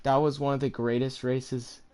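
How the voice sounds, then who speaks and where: A young man hosting a racing game stream, chatting excitedly and casually with other players. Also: medium pitch, moderate pace, clean tone. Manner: excited, chatty, says dude a lot. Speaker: streamer hosting an online race. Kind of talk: casual live-stream chat.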